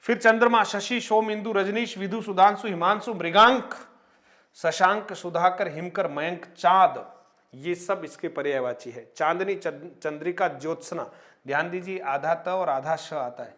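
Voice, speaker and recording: A man with a high-pitched, somewhat bright voice teaches an exam-prep Hindi grammar lesson at a slightly slow pace. He rattles off lists of synonyms, stops to point out new words and their spellings, and addresses viewers as friends with frequent tag questions.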